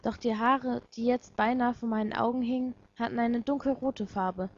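A woman reading a first-person fan story aloud in a measured, quiet and reflective way. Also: fairly high pitch, fairly even intonation, dull audio.

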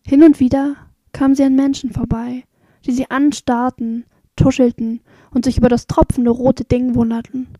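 A woman reading dark short stories aloud in a slow, dramatic manner, often sinking to a whisper. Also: high voice, level tone, dry recording.

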